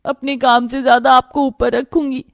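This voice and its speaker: A woman's voice: fairly high pitch, moderate pace, breathy edge. A woman voicing a proud young daughter who works as airline cabin crew in a cartoon story. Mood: remorseful. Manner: sharp, scornful scolding.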